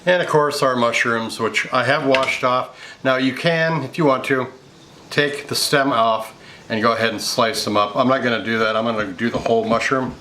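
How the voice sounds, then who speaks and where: An American man in his fifties hosts a cooking show in a casual, explanatory way. His voice sits at an ordinary middle pitch. He is recorded in a home kitchen, with clear noise and clatter behind him. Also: normal speed, pushed and bright. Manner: explanatory, conversational step-by-step narration. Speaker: cooking show host, chef. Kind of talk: casual cooking show host talking through a recipe.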